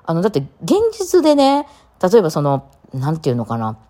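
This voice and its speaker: A woman with a Kansai accent chats on her own talk show. Her voice sits low for a woman, yet it swings widely up and down. She rattles along quickly, rambling through fillers and small laughs. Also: wildly swooping pitch, mellow. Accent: Kansai Japanese. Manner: chatty, rambling, laughs often, many fillers. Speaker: podcast host. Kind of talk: casual solo talk.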